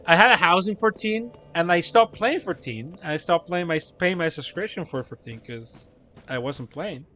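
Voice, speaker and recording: A man's voice: on the high side, expressive, normal speed, bright, forceful tone, slight background noise. A young man streaming a game, chatting casually and telling stories with laughter and frequent swearing. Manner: laughing, profane, rambling storytelling. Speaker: gaming streamer. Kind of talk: casual chat while playing.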